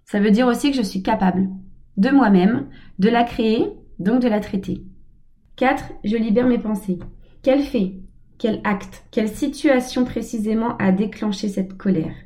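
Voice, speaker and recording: A woman giving a calm, measured self-help talk, speaking in short repeated phrases. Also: a little high. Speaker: personal development speaker.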